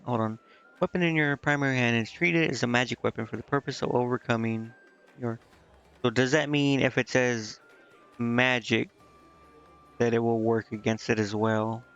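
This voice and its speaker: A man with a medium-pitched, fairly bright, clean voice chats casually while streaming a video game. He thinks aloud and reads snippets of on-screen text. Game music plays behind a slightly dull lo-fi mic.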